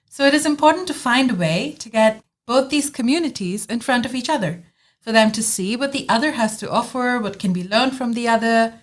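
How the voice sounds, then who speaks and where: A young woman from India, a student co-hosting a podcast, speaking in a measured way from prepared remarks. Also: a little high. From West Bengal, India. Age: young adult. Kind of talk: scripted podcast talk.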